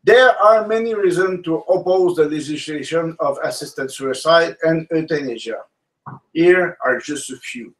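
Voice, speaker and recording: A co-host in a casual panel discussion, this man speaks haltingly, searching for words in a second language, since French is his first. His voice is fairly high, and he sits a bit far from the mic in a rough recording.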